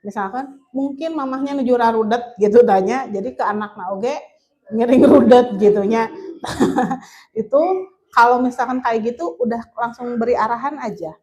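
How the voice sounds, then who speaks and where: A woman's voice: fairly high pitch, normal speed, a little mellow. A young woman giving an informal parenting talk to parents, chatty and laughing often, mixing languages and acting out little quotes. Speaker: parenting speaker at a parents' meeting.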